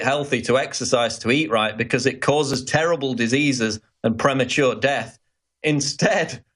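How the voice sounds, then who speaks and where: A man on a talk radio show, calmly explaining his view and agreeing with the host. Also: mid-range voice.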